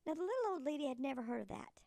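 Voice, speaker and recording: A woman storyteller with the manner of a sweet old lady reads a storybook. Her voice is high and creaky, recorded close and dry, with a deliberate cadence. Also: big pitch swings, warm tone, no echo. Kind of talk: scripted storybook narration.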